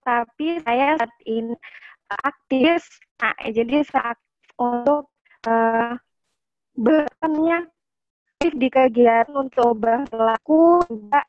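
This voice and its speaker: A woman calls in from Lampung with a question, her voice choppy and robotic as the online connection keeps breaking up. She speaks haltingly, pausing to search for words. The sound is dull and muffled, with faint music underneath. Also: on the high side, no echo. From Lampung, Indonesia. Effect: choppy online call audio, cutting out and robotic. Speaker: caller asking a question. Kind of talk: webinar Q&A question.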